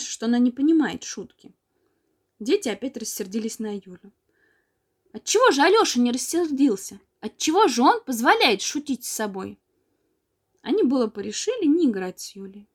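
A woman reading an old children's story aloud in a measured, expressive storytelling manner. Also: fairly high pitch, husky. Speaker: narrator.

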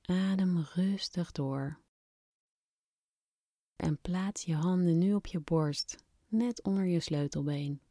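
A woman softly and soothingly guiding a breathing exercise in calm, unhurried scripted instructions, slightly breathy at times. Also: on the low side, no room sound, clean studio sound. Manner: soft, soothing, unhurried instruction with long pauses. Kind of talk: guided relaxation exercise, scripted narration.

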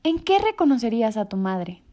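Kind motherly bear, soft-spoken, read by a woman. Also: fairly high pitch, big pitch swings, normal speed. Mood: tender. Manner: soft, warm, sighing.

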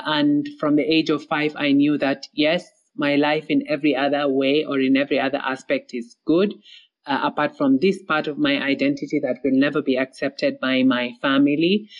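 Earnest woman from Somalia, lo-fi audio. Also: low voice. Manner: earnest, frequent fillers and repeated words. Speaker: guest. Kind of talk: interview storytelling.

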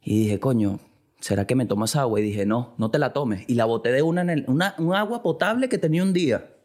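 A man with a Venezuelan accent hosting a casual comic monologue, animated and acting out little quoted exchanges, now and then breaking into loud outbursts. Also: mid-range voice. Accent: Venezuelan Spanish. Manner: acts out dialogue in quick quotes. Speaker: podcast host.

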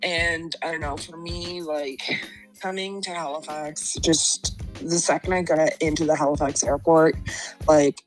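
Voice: mid-range voice, steady tone, unhurried, soft background music, rough recording. A young adult in their twenties from Nova Scotia with a Nova Scotian accent, chatting casually in a heartfelt, filler-heavy way. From Nova Scotia, Canada. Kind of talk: casual chat.

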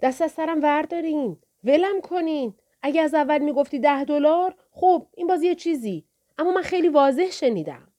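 A woman's voice: a little high, lively intonation, a little mellow, close to an everyday voice. Storybook lead: woman playing a scared, defiant teen boy, voice trembling and tearful. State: shaky, tearful voice. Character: frightened defiant teenage boy, tearful and stubborn.

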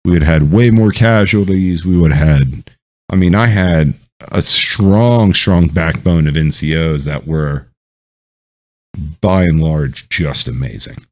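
A man's voice: low-pitched, slow, a little mellow. A man telling military stories in a loose, rambling chat, with lots of ums and swearing. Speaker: podcast host. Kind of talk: casual storytelling chat.

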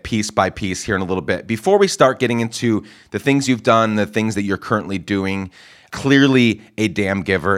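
A man's voice: fairly low pitch, a bit bright. A man hosting a podcast interview, introducing his guest and asking questions in an enthusiastic, affirming way. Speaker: podcast host.

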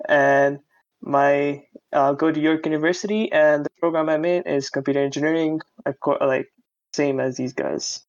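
A man's voice: on the high side, fairly even intonation, moderate pace. A man of about eighteen co-hosting a casual podcast, talking loosely with many likes and basicallys. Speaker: podcast co-host. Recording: dull lo-fi mic.

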